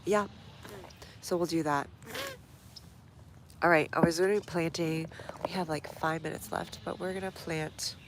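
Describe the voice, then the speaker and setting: In a low, steady voice at normal speed, a woman with a stuffy nose hosts an outdoor gardening stream and pauses often. She chats with viewers and reads their comments while working, against some background noise.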